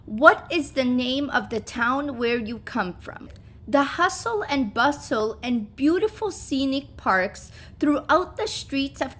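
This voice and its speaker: A woman's voice: high-pitched, fairly bright tone. A woman in her thirties from Uzbekistan, reading both the questions and the prepared answers of a practice speaking exam, with small slips and restarts. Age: 30s. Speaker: English teacher. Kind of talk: reading both sides of a mock speaking test.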